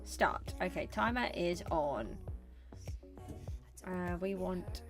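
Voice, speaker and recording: A woman with a lowish voice and lively intonation takes her time speaking, faint music behind her. She's an English livestreamer with a British accent playing a building game, chatting casually and thinking aloud with frequent ums.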